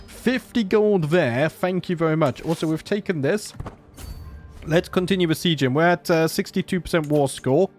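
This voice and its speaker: His voice a little high with a darkish tone, a gaming channel host plays a strategy game for a casual let's play. He has a sore throat but stays chatty, cracking jokes and thinking aloud.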